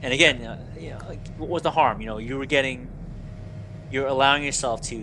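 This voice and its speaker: A man's voice: mid-range voice, a little fast, bright, forceful tone, a little hiss or hum. A man chatting on a casual gaming podcast, hesitant and rambling, with many "you know"s and restarts.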